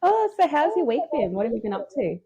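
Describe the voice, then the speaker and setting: A woman's voice: sits high, very animated, dark tone, dull audio. A woman hosting a podcast, bubbly and giggly, chatting casually over a video call. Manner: bubbly, giggly, slow-paced. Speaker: podcast host. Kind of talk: casual chat.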